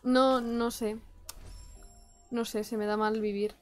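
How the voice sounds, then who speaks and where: A woman's voice: mid-range voice, completely flat delivery, slow, soft background music. A young woman from Spain with a Spain Spanish accent, commenting on her gameplay in a self-mocking, exasperated way. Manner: self-mocking, exasperated, frequent laughs and outbursts. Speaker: gaming streamer. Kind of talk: casual let's play commentary.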